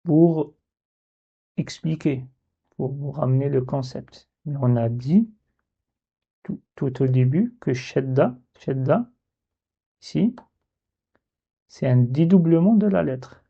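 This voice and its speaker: A man teaching Arabic letter reading in a slow step-by-step lesson, patiently spelling out syllables and repeating them. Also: medium pitch, creaky, mellow, slightly rough, lo-fi sound.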